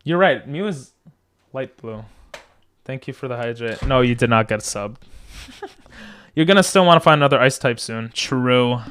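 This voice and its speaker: A man's voice: medium pitch, lively intonation, moderate pace, long pauses, fairly bright tone, smooth. A man streaming a video game, chatting casually and drifting between asides as he talks to viewers. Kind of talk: casual livestream gaming chat.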